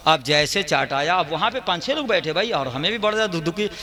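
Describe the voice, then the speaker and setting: A man preaching at a religious gathering, switching between loud, drawn-out chanted verses and conversational storytelling. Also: on the high side, expressive. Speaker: Islamic preacher. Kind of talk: sermon with storytelling.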